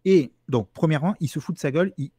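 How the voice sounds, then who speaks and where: A French man telling an anecdote as a guest linguist, animated and acting out the quotes he tells. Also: fairly high pitch, husky, no echo. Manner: fast, animated storytelling, acts out quotes. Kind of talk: lively explanatory talk with quoted imitations.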